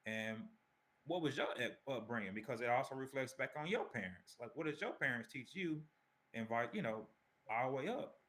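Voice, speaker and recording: A man in casual panel talk presses his point hard, repeating words as he goes. His pitch is middling and his delivery stays plain. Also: animated, moderate pace, fairly bright tone.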